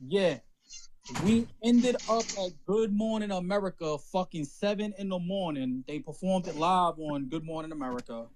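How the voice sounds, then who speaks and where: A man co-hosting a podcast, telling an anecdote in an animated, profane, casual way. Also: high voice, moderate pace, few pauses, background noise. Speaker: podcast co-host. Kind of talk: casual storytelling chat.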